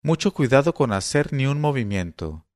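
A menacing efrit spirit, voiced by a man reading a storybook aloud. He gives slow, stern commands in a medium-pitched voice. The recording is dry and close. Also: big pitch swings, dry recording, natural voice.

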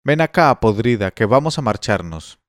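A man doing a gruff, stubborn Bedouin seller. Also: medium pitch, lively intonation, normal speed, dry recording, studio quality, lightly acted. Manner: coarse, loud and blunt.

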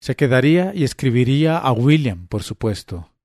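A man narrating a literary story as an audiobook, in a measured, quietly dramatic reading with light voicing of the characters. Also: mid-range voice, very animated, no echo, clean studio sound.

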